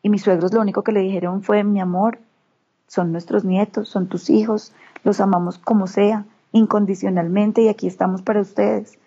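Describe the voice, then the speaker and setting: Warm-voiced Colombian paisa woman storyteller. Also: mid-range voice, normal speed, breathy edge, muffled recording. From Colombia, Antioquia region. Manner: animated, acts out quoted relatives. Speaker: interview guest, mother. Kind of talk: emotional personal storytelling.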